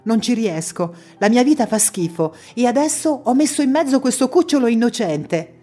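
A scared, worn-out young man pleads and whines in a storybook reading, as a woman puts him on. The voice sits higher than the reader's own and stays warm and soft. Faint music plays underneath. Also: very animated, moderate pace. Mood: distressed. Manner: pleading, whiny, panicky. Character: anxious, despairing young man, sleepless and scared. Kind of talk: audiobook reading.

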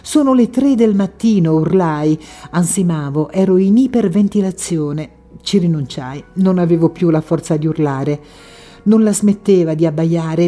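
A woman reading a first-person story as an audiobook, expressive and full of feeling. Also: on the low side. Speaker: audiobook narrator.

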